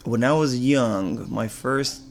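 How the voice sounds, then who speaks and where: A man's voice: medium pitch, slow pace, creaky. Middle-aged man from Argentina, interview guest, loose rambling answers, faint hiss behind. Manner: relaxed, rambling, many fillers and restarts. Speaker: business owner and interview guest.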